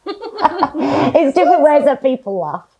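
A woman's voice: high-pitched, very animated, measured pace, gravelly, over a noisy crowd. A middle-aged woman presenting products conversationally, admiring them and explaining their details. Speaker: product presenter for a toy maker. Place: furnished studio set, indoors.

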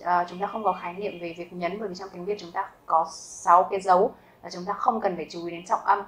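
A Vietnamese woman teaching a German grammar lesson, explaining step by step, asking her learners questions and saying example sentences slowly twice. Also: lowish voice, steady tone, fairly bright tone, poor audio. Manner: asks learners rhetorical questions.

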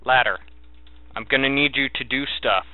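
Man, phone-like narrow-band sound, slow pace, medium pitch, casual gaming commentary, halting, thinking aloud. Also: animated. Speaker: gamer narrating a let's play.

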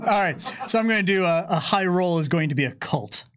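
Seated at a table in a small curtained studio, speaking into a boom-stand microphone, a man in his thirties explains tabletop rules in a relaxed, conversational way as a game developer and co-host. His voice sits high, sounds fairly bright and expressive, and moves a little fast.

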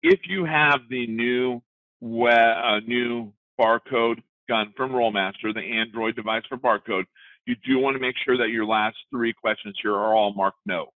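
A man giving a casual, step-by-step software walkthrough in a webinar. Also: medium pitch, a little slow, no room sound, phone-quality sound. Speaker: software trainer.

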